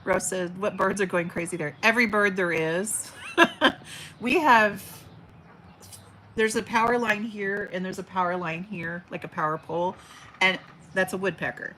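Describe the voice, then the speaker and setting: Her voice sits in the mid-range, steady, pushed and bright, at a normal speed. She's a woman in her forties running a casual livestream from home by an open window, birds chirping outside, reading viewer comments with a big teacher voice in a chatty, affectionate manner with many fillers and restarts. A little hiss or hum is audible.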